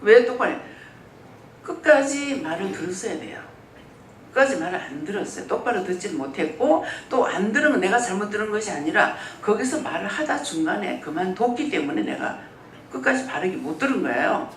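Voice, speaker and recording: A pastor preaching a sermon in a church, telling stories and acting out what people said. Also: a little fast. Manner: lively storytelling, acts out quoted speech. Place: church sanctuary. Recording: roomy church hall, mic at a distance, faint rumble.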